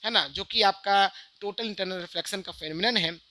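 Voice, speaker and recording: Bright-voiced man teaching physics. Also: sits high, brisk, dry recording. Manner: keeps asking "right?" and speaks to the students directly. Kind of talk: explaining a diagram on an online lesson.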